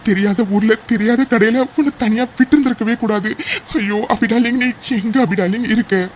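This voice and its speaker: A man's voice: high voice, a little fast, slight background noise, natural voice. A man voicing a worried young man in a cartoon who pleads and keeps crying out in alarm. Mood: pleading. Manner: pleading, repeats "aiyo". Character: worried young man searching for his sweetheart. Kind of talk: cartoon dub dialogue.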